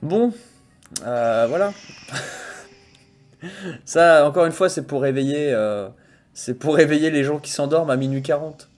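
A young man with a fairly high voice speaks unhurriedly, leaving long pauses, in a Sarthe French accent. He streams a video game from a small room at home, chatting with viewers over a headset mic. His mock-outraged rants are punctuated by frequent laughter and bursts of loud excitement.

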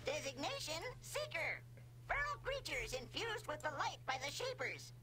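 A woman voicing a calm, machine-like female custodian in a video game, speaking like a measured ship computer reading out procedures. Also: sits high, slight background noise, exaggerated voice.

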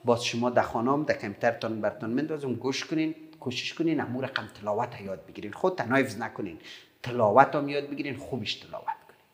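A middle-aged man with an Afghan Dari accent, teaching young children patiently, repeating slowly and praising often. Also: medium pitch, slight background noise. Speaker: primary school teacher.

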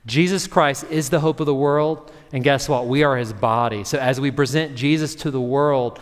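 A man's voice: medium pitch, normal speed. A man, a pastor giving a conversational sermon and acting out short voices in his story. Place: church sanctuary. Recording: long hall reverb.

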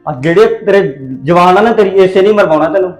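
A man's voice: high-pitched, fast talker, reverberant, soft background music, close to an everyday voice. A young man playing a defensive, exasperated husband caught between wife and mother. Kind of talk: village family drama acting.

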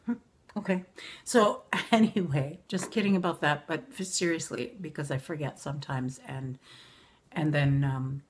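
A woman's voice: sits low, normal speed. A woman in her forties chatting casually about makeup in a rambling way, full of ums and self-corrections, recorded on a camera in her bedroom. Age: 40s. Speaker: beauty vlogger. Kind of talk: casual makeup review vlog. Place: bedroom at home.

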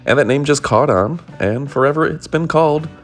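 A man's voice: a little high, brisk, faint music behind. A man hosting and narrating a casual documentary in an upbeat way, with jokey asides. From Detroit area. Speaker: host and narrator.

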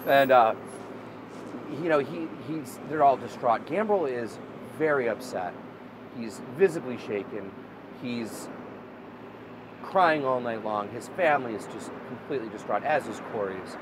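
On a city street alongside a prison wall, a man in his thirties tells history as a casual story during a walking tour, with frequent fillers and restarts. His mid-range voice is animated yet unhurried. Traffic noise runs under the recording.

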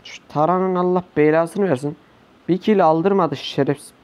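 A man's voice: fairly high pitch, moderate pace, highs cut off. A young man commentating his own gameplay for viewers, frustrated and swearing often at other players. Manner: frustrated, swears a lot, shouts at opponents. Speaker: gaming YouTuber.

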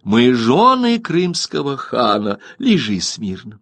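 A man reading an audiobook, voicing playful, teasing young women of a khan's harem in a high falsetto. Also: huge pitch swings, takes it slowly, fairly bright tone, dry recording, full character voice. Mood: hushed.

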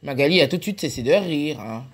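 A woman's voice: low-pitched, brisk, slightly rough. A woman reading a children's picture book aloud for a library, acting out laughs and cries as she goes. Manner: animated, acts out laughs and cries. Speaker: library storyteller.

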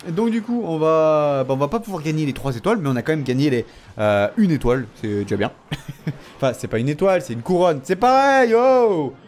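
A man giving animated gameplay commentary, teasing and self-mocking, often laughing and bursting into excited shouts. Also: a little high, brisk, slight background noise. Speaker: gamer commenting his own matches.

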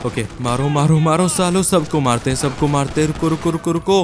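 A young man commentates a game run in frantic, casual slang, speaking in the first person as the character he controls. His voice sits a little high, and he fires off the same words in rapid bursts. Faint game music plays underneath. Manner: casual slangy Hinglish, addresses viewers as guys. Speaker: gaming YouTuber. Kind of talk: excited Let's Play commentary.

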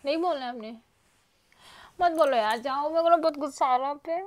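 High-voiced woman pleading and scolding. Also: fairly quick. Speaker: wife being pranked. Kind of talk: casual home vlog.

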